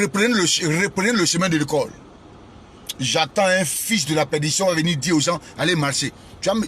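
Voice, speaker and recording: Fiery preacher, high bright voice. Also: male voice, a little hiss or hum. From Côte d'Ivoire. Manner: fiery, scolding, hammers repeated phrases. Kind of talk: impassioned social media address.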